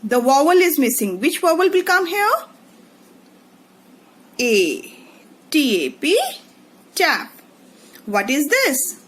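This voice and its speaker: A woman's voice: high-pitched, a bit bright. Sing-song woman teaching children. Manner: sing-song, drawn-out letters, questions for the children. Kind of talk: children's lesson, mixing English and Hindi.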